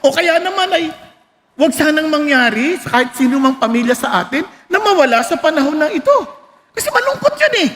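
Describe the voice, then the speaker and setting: A Filipino man preaching a sermon as pastor, animated and joking, shouting for emphasis. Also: very high voice, brisk, long reverb tail, a little hiss or hum.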